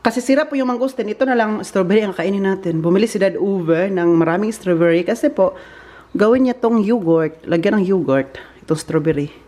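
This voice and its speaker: This vlogger, a Filipina living in Germany, speaks a little fast in a mid-range voice with a dark tone. She chats casually with viewers around her home, inside and out, laughing often and slipping in English words.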